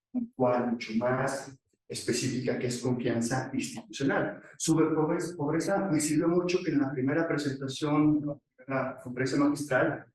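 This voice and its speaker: A male academic economist with a mid-range, slightly mellow voice gives an explanatory conference presentation, posing questions and then answering them himself. He's in an echoey session room, recorded on a distant microphone that makes the sound very echoey.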